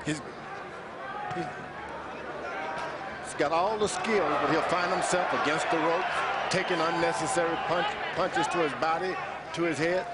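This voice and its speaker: A man's voice: on the high side, steady tone, measured pace, pauses often, over a noisy crowd. A man giving conversational boxing analysis from ringside, plain-spoken and often repeating his words. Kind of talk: conversational sports commentary. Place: ringside in an arena. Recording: very noisy arena broadcast.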